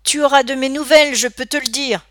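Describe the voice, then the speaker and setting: A woman's voice: a little high, steady tone, normal speed, a bit bright, no echo, studio quality, voice pushed up, natural voice. A woman voicing a scornful, blustering teenage boy bully in an audiobook. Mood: méprisant. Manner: scornful, boastful.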